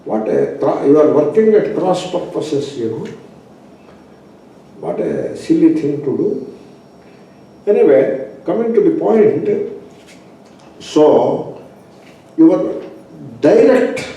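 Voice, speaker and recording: Male Indian-accented swami for a philosophy class: very mellow tone, unhurried pacing, emphatic repetition, recorded in a reverberant room. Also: fairly high pitch, lively intonation. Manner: didactic, emphatic, repeating phrases. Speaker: spiritual teacher, swami. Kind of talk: spoken philosophy class with rhetorical questions. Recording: very echoey room, distant mic.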